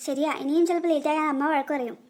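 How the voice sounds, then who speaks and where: A woman's voice: sits high, fairly even intonation, very fast, darkish tone, close to an everyday voice. A woman voicing a caring older girl, a big sister, in a cartoon, kindly and questioning. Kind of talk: cartoon voice acting.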